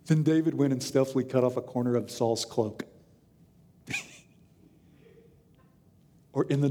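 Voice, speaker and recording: A man preaching a sermon, telling the story with humor and lively storytelling, at times dropping to a hush. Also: a little high, breathy edge, big-room sound. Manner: animated, humorous storytelling with sudden hushed drops. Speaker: pastor.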